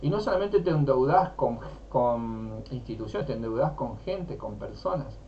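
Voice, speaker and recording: A man's voice: medium pitch, animated, normal speed. A man with a Rioplatense accent teaching personal finance, speaking emphatically and asking rhetorical questions while nursing a sore throat. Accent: Rioplatense Spanish. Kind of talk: teaching talk. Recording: dull lo-fi with faint noise.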